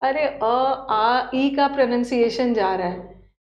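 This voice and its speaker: Woman grammar teacher, a fairly high voice and an echoey room. Teasing coaching-class manner, with sounds drilled out loud. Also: slow pace, highs cut off. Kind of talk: online coaching class lecture.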